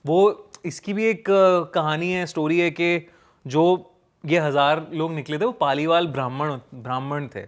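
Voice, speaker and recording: A man casually telling a ghost story, pausing with fillers as he builds suspense. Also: fairly high pitch, steady tone. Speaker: storyteller guest.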